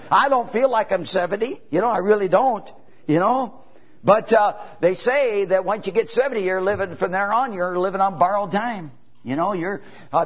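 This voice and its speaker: An elderly traveling evangelist in his seventies preaches in a voice that sits high and slightly rough. He repeats himself in a down-home way, drops in "you know" and "amen," and lets pauses stretch before emphatic bursts.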